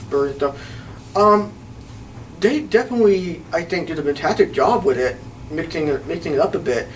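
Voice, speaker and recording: A man co-hosts a relaxed chat about films, agreeing readily and filling in with short affirmations. His voice sits a little higher than most men's. The mic is some distance away, and faint background noise comes through. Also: normal speed.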